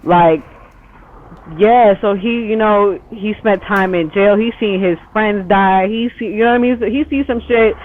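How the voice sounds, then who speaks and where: A woman's voice: medium pitch, a little slow, a little hiss or hum. Rambling woman on a tinny phone-like line. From Ethiopia. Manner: rambling, heavy on "like" and "you know", swears casually. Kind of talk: casual conversation.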